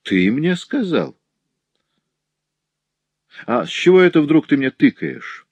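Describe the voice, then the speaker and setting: A man voicing a coarse, rude male bailiff in a storybook reading, loud and mocking. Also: medium pitch, very animated, measured pace, dry recording, voice pushed up. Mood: gruff.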